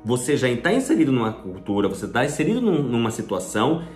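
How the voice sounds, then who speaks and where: Talking fast and very animated, a Brazilian man hosting his channel explains topics to the camera with rhetorical questions and small acted-out dialogues. His mid-range voice sounds reverberant over soft background music.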